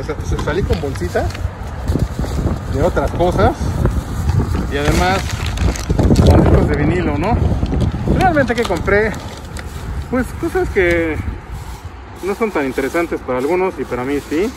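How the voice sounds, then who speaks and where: A man in his thirties chatting casually as a vlogger, rambling with fillers, filming with a phone at arm's length outdoors by a shop and inside a store. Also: on the high side. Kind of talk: casual vlog. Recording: loud outdoor street noise.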